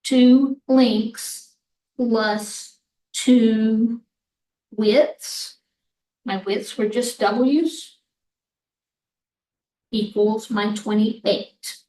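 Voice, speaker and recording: A woman math instructor with a hoarse voice, explaining a problem slowly step by step in a recorded lecture. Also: a little high, fairly even intonation, dark tone. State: hoarse, clearing throat. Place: classroom. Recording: echoey room, mic far off.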